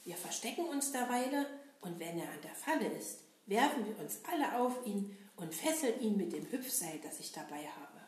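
A woman voicing Kasper, a cheerful, brave male puppet hero who talks straight to the children in a lively, sing-song way. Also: on the high side, moderate pace. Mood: whispering. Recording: roomy echo.

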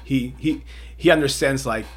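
A man with a Chilean accent and a husky voice, chatting casually as a co-host. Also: mid-range voice, normal speed, a bit bright, slight background noise. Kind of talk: casual chat.

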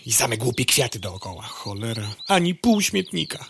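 A woman playing an excitable, hungry, whiny fly in a comic radio play, exclaiming and grumbling melodramatically. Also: very deep voice, moderate pace, creaky, slight background noise, full character voice. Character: hungry, whiny, excitable young female fly named Lena.

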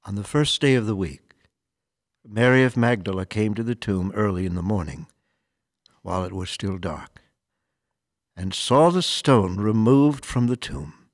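A man reading scripture and preaching as clergy, solemn and deliberate, with measured pauses. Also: on the low side, animated, no room sound, clean studio sound. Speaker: priest or deacon reading the Gospel and preaching. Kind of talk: liturgical scripture reading and homily.

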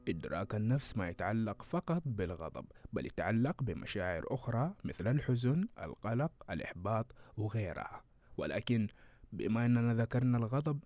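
A man hosting a podcast, telling a short parable and explaining ideas in a calm, measured way. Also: medium pitch. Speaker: podcast host. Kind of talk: reflective podcast monologue. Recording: guitar music behind voice. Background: guitar music.

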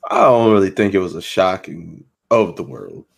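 A man's voice: deep voice, very animated, normal speed, vocal fry. A man on a casual sports panel, making brief, blunt remarks.

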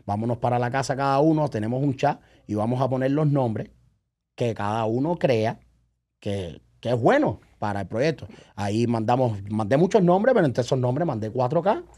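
Warm and animated at a normal speed, his mid-range voice carries a casual podcast conversation. He's there as a guest and event promoter, bringing his stories to life by reenacting dialogue and checking in to see that the listener follows.

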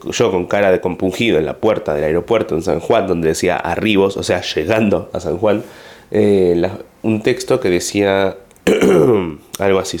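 Argentine male comic, lowish voice, chatty and rambling, casual story to camera. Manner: rambling, animated retelling with frequent fillers. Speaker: comedian.

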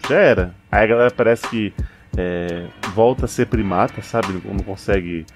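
A man's voice: fairly low pitch, normal speed, music in the background. A man with a Brazilian Portuguese accent from São Paulo, chatting casually and rambling with lots of slang. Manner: rambling, repeating himself, heavy on slang fillers.

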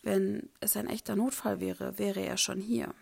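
A woman voicing an anxious teenage boy at a wizard school, unsure and quietly tense. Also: mid-range voice, little pitch movement, measured pace, vocal fry, breathy edge, full character voice. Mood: uneasy.

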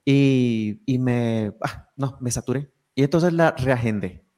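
A man's voice: mid-range voice, slow pace, darkish tone. A man speaking as a guest in a podcast conversation, explaining ideas reflectively with frequent restarts.

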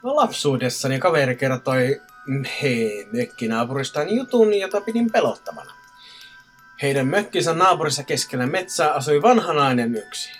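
A man's voice: on the high side, expressive, a bit bright, faint music behind. A man reading listener ghost stories aloud in a casual podcast chat, stumbling over words now and then.

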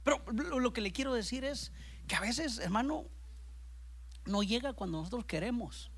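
High, bright-voiced preaching pastor. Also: male voice, moderate pace, slightly rough. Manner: animated, swings between loud bursts and hushed asides, keeps calling listeners "hermano". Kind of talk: sermon. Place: church service with a congregation present.

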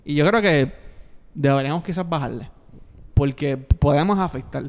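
A man's voice: a little high, normal speed. A man with a Puerto Rican accent debating informally and insistently, often repeating his points. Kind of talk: heated informal debate, Spanish mixed with English. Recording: echoey hall-like reverb.

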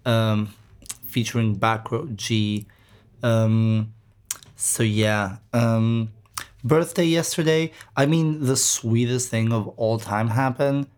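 A man from Greece hosts a music show and talks in an unhurried, drawn-out way. His chat between tracks is loose and rambling, full of fillers and offhand swearing. His voice sits at an ordinary middle pitch. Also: clean tone. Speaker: radio show host. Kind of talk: casual chat between songs.

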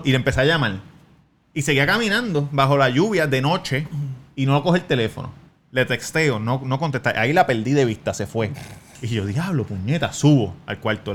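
Un hombre con acento puertorriqueño, presentador de un pódcast, que cuenta anécdotas de forma animada y malhablada, actuando las escenas. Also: male voice, mid-range voice, slight background noise. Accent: Puerto Rican. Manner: animated, profane storyteller who acts out scenes. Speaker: podcast host. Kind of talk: casual storytelling.

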